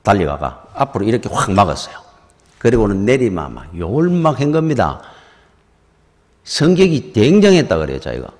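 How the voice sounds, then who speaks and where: A middle-aged pastor with a Gyeongsang Korean accent tells stories in a lively, conversational sermon in a church sanctuary. His voice is on the low side at a moderate pace, and the hall is reverberant.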